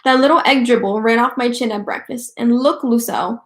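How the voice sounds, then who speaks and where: A woman voicing a scheming little boy from a storybook who talks in a hushed, dramatic, plotting way. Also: on the high side, brisk, natural voice. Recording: roomy echo.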